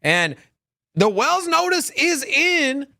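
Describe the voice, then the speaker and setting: A man co-hosts a crypto news live stream in a casual, animated style, full of restarts and rambling tangents. His voice is very high and creaky, and he takes it slowly. The audio is clean studio sound with no room echo.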